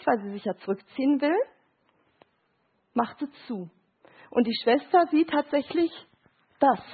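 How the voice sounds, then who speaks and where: Woman, middle-aged, grief counselor, lecture with cards, high husky voice, thin phone-like sound. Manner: explains with short examples and quoted voices, asks "Ja?". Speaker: grief counselor giving a talk.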